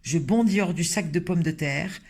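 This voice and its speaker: Male audiobook reader for a children's novel, high voice, lively delivery. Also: normal speed. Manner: lively, expressive storytelling. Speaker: audiobook narrator. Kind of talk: scripted narration of a children's novel.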